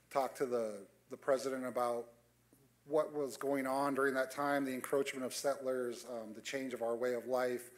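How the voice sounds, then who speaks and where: Man moderating a panel, monotone and dry. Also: mid-range voice. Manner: self-described monotone, dry humor; reflective, many fillers. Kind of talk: conference panel remarks. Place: conference hall stage.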